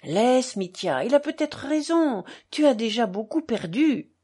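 A proud, restless young woman, as a woman reading aloud voices her, sharp and scolding. Her pitch swings widely. The voice is breathy. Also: very animated, a little slow, full character voice.

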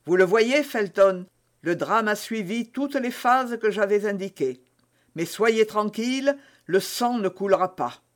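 A man's voice: sits high, expressive, a little slow, voice pushed up. A man voicing a sardonic nobleman who mocks with irony, in an audiobook reading. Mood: mocking. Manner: ironic, mocking. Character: sardonic older baron, mocking.

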